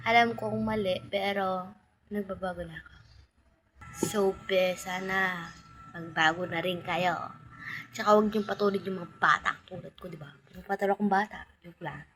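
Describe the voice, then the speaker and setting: A woman's voice: on the low side, fairly even intonation, normal speed, a bit bright, a little hiss or hum, low-quality recording. A young woman vlogger chatting casually to her viewers, telling a storytime and calling them "be" and "guys".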